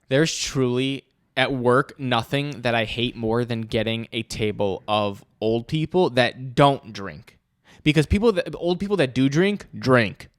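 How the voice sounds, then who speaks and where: A young man co-hosting a podcast, telling animated anecdotes and mimicking people in higher voices. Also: no room sound, clean studio sound. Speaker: podcast co-host. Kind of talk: casual chat, storytelling.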